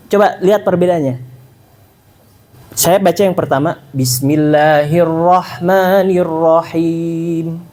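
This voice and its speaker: A man giving a casual tajwid lesson, quizzing his listeners and sounding out letters slowly. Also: sits high. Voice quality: animated, quizzing the audience, demonstrating sounds slowly. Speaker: Quran recitation teacher.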